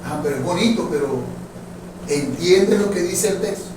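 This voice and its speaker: A man's voice: sits high, normal speed. Man teaching a church class, echoey hall. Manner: conversational, addresses listeners as brothers, asks for agreement often. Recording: very echoey hall, distant mic, faint noise.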